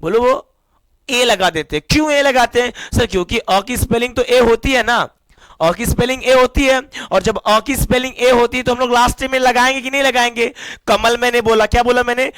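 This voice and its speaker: A man's voice: very high voice, brisk, fairly bright tone, clean tone, no room sound. A young man teaching an English lesson, firing call-and-response questions at his students. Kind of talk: classroom lesson.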